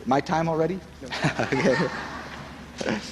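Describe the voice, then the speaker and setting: A man's voice: fairly high pitch, a little slow, noisy background. A man giving an earnest, reflective devotional talk at a spiritual retreat, telling stories to the audience. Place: conference hall. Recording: long hall reverb.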